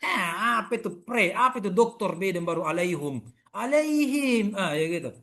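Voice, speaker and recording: This online university lecture comes from a man from the region speaking over a video call in a high, brisk voice. He's lively, goes over examples more than once, and keeps seeking his listeners' agreement.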